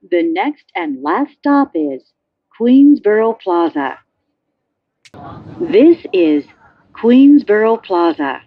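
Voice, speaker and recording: A woman reading scripted subway announcements in a measured, carefully enunciated way, as a transit announcer. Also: medium pitch, no room sound. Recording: muffled, dull subway announcement audio.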